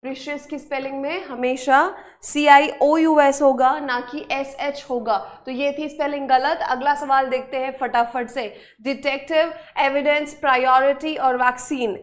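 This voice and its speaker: Brisk high-voiced Indian woman teacher. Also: steady tone. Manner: brisk, praising, urging students to hurry. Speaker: English spelling teacher. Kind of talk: live online class, quizzing students.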